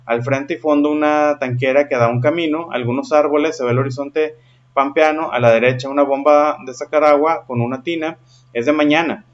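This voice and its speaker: A man's voice: a little high, steady tone, a little fast. Man, teacher, patient explaining, frequent check-in questions, dull lo-fi recording. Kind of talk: explaining a lesson.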